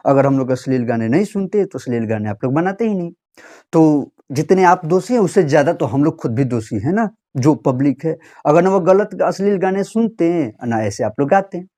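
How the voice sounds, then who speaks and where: A man's voice: on the high side, warm tone. A young man from Bihar in India giving an earnest vlog commentary, speaking straight to his listeners and appealing to them. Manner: earnest, appealing and lecturing, direct address. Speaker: vlogger. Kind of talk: earnest direct-to-camera commentary.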